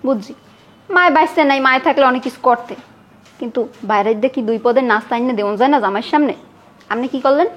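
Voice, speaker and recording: A woman's voice: sits high, quick pace, muffled recording, lightly acted. A woman playing a scolding young wife. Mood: reproachful. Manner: scolding, argumentative. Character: young wife, scolding, defends then confronts her father. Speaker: young wife, daughter of the house. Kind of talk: village comedy drama acting.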